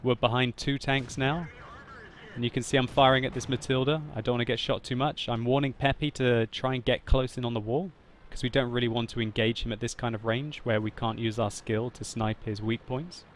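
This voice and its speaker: A man narrating his own tank battle gameplay as a voice-over commentary, laughing often and getting loud and excited at big moments. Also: mid-range voice, fairly quick, slight background noise. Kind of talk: video game commentary voice-over.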